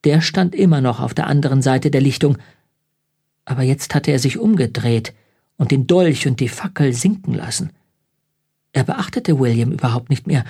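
A man reading an audiobook aloud in measured, tense scripted narration. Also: medium pitch, darkish tone, husky.

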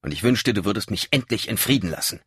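A man's voice: fairly low pitch, lively intonation, fast talker, a bit bright, husky, no echo, studio quality, voice pushed up, full character voice. A man voicing a bearded young former college student who whispers and pushes back irritably. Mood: hushed tense.

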